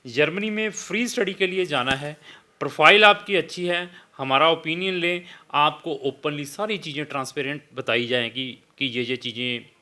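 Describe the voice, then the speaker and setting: A man speaking as an immigration consultant in an advisory video for students. He explains steadily, mixes in English phrases and often pauses on "uh". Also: a little high, pushed and bright.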